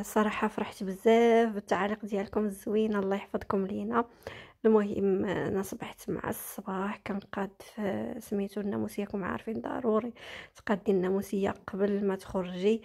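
Fast-talking Moroccan woman, husky voice. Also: medium pitch, a little mellow. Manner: chatty, addresses viewers as girls. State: out of breath after stairs. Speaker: vlogger. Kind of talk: casual daily-routine vlog.

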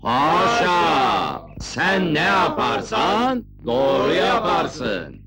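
A polite village headman speaking slowly with a lively, rising and falling tone. His voice sits in a middle range over faint outdoor ambience. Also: fairly high pitch, creaky, a loud crowd, exaggerated voice. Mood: deferential.

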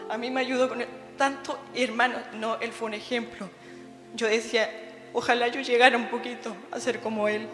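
A middle-aged Chilean woman with a Chilean accent, giving a heartfelt, emotional memorial testimony to her congregation. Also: a little high. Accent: Chilean Spanish. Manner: heartfelt, emotional, calls listeners "hermano". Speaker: bereaved daughter giving testimony. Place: church hall. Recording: echoey church hall with faint music.

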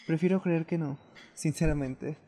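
A man's voice: fairly high pitch, steady tone, normal speed, mellow. A man with a Latin American Spanish accent giving casual, hesitant, self-doubting commentary as he streams a video game.

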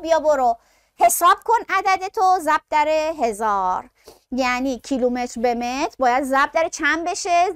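A woman's voice: sits high, no room sound, studio quality. A woman teaching a science lesson who asks the class questions, answers them herself, and speaks to her students affectionately. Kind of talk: classroom lecture.

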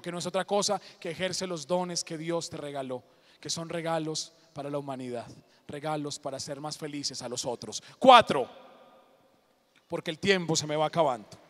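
Man, Antioquian Colombian accent, priest, fervent sermon, storytelling, bright voice, long arena reverb. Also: a little high. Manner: fervent exhortation, humorous asides. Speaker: priest giving a conference. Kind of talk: sermon-style conference with storytelling. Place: large indoor coliseum.

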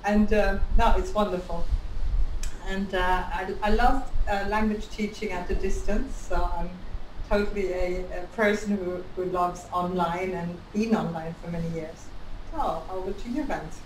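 A woman speaking as a guest on a video call, chatty and quick to laugh. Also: fairly low pitch, steady tone, background noise. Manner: chatty, laughs between phrases. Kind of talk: casual chat and self-introduction. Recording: roomy, distant video-call sound.

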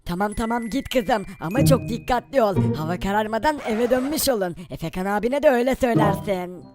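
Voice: mid-range voice, a little fast, over loud music. A woman voicing a patient, soothing father in a game role-play skit. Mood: calm. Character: calm caring father.

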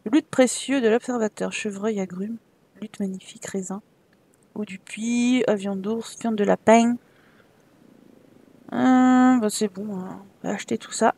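A woman's voice: mid-range voice, fairly even intonation, measured pace, gravelly, warm tone. A woman hosting a casual let's play, chatting, reading game text aloud and joking to herself.

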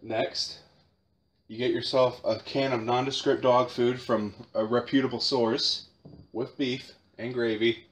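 A man's voice: medium pitch, unhurried, a little hiss or hum. Young guy, dry joking delivery, running a spoof cooking tutorial from his kitchen. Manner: deadpan, mock-instructional. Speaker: home cooking video host. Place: home kitchen.

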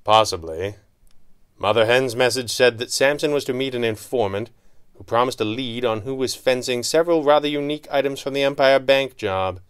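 A man voicing a serious, dry-witted masked hero who speaks calmly and deadpan. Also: medium pitch, normal speed, clean tone, pitched above the performer's own voice, natural voice. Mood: grave. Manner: calm, deadpan. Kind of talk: audiobook dialogue.

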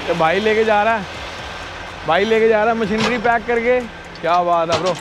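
A high-pitched man from India talks at a normal speed over a noisy background, chatting casually and animatedly to viewers as a trucker vlogger. He calls his audience "brother" throughout this easygoing vlog, filmed in his truck cab and out in a snowy yard.

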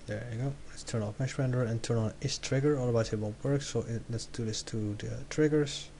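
A man's voice: medium pitch, steady tone, brisk, dark tone, a little hiss or hum. Man thinking aloud through a coding tutorial. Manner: thinks aloud, self-correcting and chatty while working. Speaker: game development tutor. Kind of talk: screen-recorded coding tutorial.

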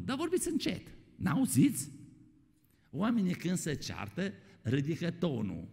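This preacher's medium-pitched voice carries vocal fry. Delivering a sermon amid a church hall's long echo, he repeatedly calls people "my dear ones" and asks them questions.

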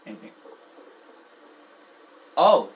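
A gaming channel host giving excitable, chatty, playful gameplay commentary. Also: drawn-out words, highs cut off, a little hiss or hum.

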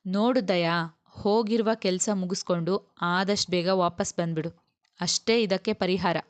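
A woman's voice: lowish voice, steady tone, moderate pace, natural voice. A woman voicing a stern, loyal male friend who lectures bluntly over the phone. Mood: scolding.

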